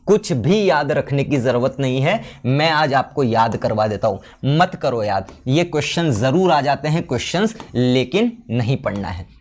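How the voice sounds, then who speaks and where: Male coaching teacher, fairly high voice, casual drilling delivery, recorded online lesson. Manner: chatty, repetitive drilling with mnemonics. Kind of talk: online exam-prep lesson. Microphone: recorded lesson over a shared map.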